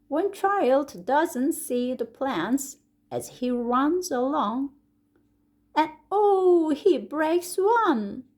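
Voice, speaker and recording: Reading a picture book aloud in English, this teacher speaks with a Korean accent and a voice on the higher side. Her pace is slow and careful, words stretched long, and her pitch lifts in lively bursts on the exclamations of this expressive story.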